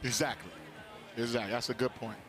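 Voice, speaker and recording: Against clear outdoor stadium ambience, a man breaks down plays in casual color analysis for a live football broadcast. His medium-pitched voice is steady and brisk.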